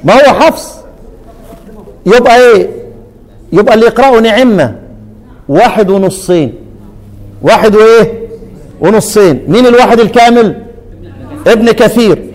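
A man's voice: high-pitched, animated, moderate pace, long pauses, darkish tone, big-room sound. A man teaching a class on Quran readings in Egyptian Arabic, often asking a question and answering it himself.

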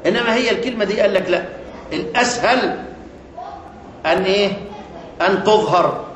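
A man's voice: sits high, a little fast, a bit bright. A man with an Egyptian accent teaching a class on recitation rules, often asking the class questions and repeating key words. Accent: Egyptian Arabic. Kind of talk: classroom lesson explaining a poem on tajweed rules. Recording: echoey room with faint noise.

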